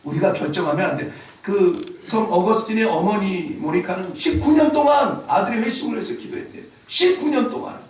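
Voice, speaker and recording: A male pastor giving a Sunday sermon, emphatic and rising to shouts at key points. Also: sits high, lively intonation, a little fast, few pauses, recorded from a distance. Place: church sanctuary. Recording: very echoey church hall, voice from afar.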